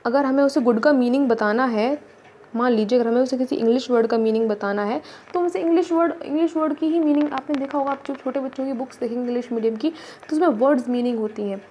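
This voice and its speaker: An Indian-accented woman delivers an exam-prep lecture in a voice pitched a little above most women. She goes over each point more than once and keeps checking in with her listeners. A faint noise sits behind her voice. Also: fast talker, warm tone. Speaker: teacher.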